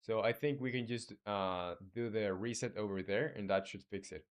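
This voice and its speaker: A Chilean game developer streams live, his voice fairly low and his pace normal. He thinks aloud while coding, stumbling through plenty of fillers and restarts, and chats warmly with viewers in a casual way.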